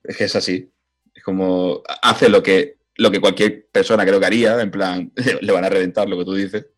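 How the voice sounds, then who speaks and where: A man in casual film chat, animated and lively, acting out movie lines in put-on voices. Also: low-pitched, moderate pace, soft background music.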